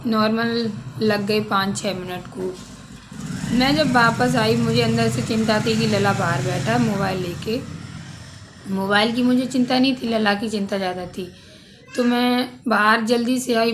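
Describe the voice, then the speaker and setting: Young female vlogger, slightly high pitch, heartfelt and tearful storytelling. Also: noisy background. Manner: tearful, earnest recounting. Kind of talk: emotional personal storytelling.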